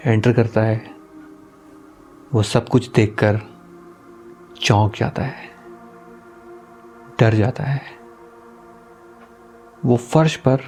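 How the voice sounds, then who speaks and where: Mellow-voiced male horror storyteller. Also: medium pitch. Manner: dramatic, suspenseful. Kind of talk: scripted horror narration.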